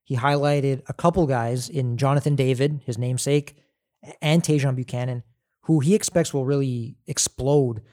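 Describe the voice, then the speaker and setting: A man's voice: mid-range voice, steady tone, normal speed, a little mellow. A man hosting a casual sports podcast, upbeat and chatty, laughing easily. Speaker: podcast host.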